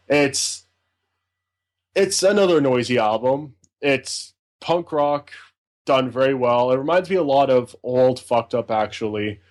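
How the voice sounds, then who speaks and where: Rambling, enthusiastic male music reviewer. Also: medium pitch. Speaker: podcast co-host, music reviewer. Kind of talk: casual podcast chat.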